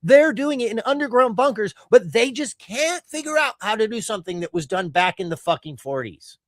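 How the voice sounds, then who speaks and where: A man's voice: sits high, sing-song, brisk, no echo, studio quality. A man giving ranting political commentary in a heated, profane and sarcastic manner. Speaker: streamer.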